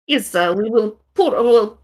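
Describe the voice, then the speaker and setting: A woman's voice: on the high side, animated, a little slow, darkish tone. A woman doing a polite fox-folk villager with a Russian accent. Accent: put-on Russian accent. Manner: polite, hesitant, full of fillers.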